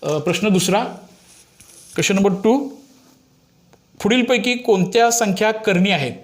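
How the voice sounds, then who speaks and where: A man's voice: high-pitched, lively intonation, moderate pace. A man teaches a maths lesson. He explains to children step by step, often stopping to ask them a question and prompt an answer.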